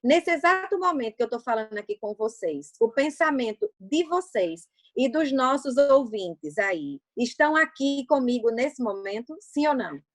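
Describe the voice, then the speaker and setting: A middle-aged woman from Brazil coaching on public speaking, teaching step by step and answering her own questions. Her voice sits fairly high, and the sound is dry and close, with no room around it. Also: big pitch swings, normal speed, few pauses, dry recording. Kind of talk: explanatory talk on a livecast.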